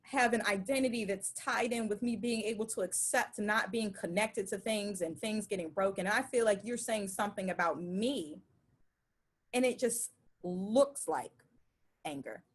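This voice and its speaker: A middle-aged woman preaching a sermon in a conversational, emphatic and animated way. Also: mid-range voice, normal speed, hardly any pauses, husky.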